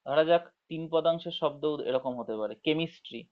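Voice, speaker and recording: A man teaches an online class with a slightly raised voice, going over points slowly and checking in with his students again and again. He stretches example words out syllable by syllable. The audio is dull and lo-fi, as from a computer mic. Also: a little high. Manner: explains slowly, checks understanding with frequent tag questions; drawls words out syllable by syllable when demonstrating.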